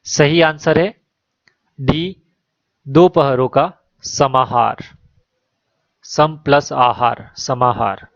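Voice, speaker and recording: A man's voice: medium pitch, very slow, long pauses, a bit bright, dry recording. Man teaching exam questions, dull lo-fi. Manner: reads options then gives answer.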